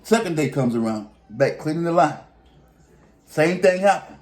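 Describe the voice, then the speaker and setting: A man's voice: a little high, animated, moderate pace, darkish tone. Rambling man telling a story. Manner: rambling, colloquial, restarts sentences. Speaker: vlogger. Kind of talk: casual storytelling.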